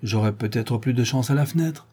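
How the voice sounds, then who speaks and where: A man's voice: medium pitch, fairly quick, mellow, breathy edge, close to an everyday voice. A man voicing a scheming old peasant woman who herds goats, speaking in a quavering, sly voice. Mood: wheedling.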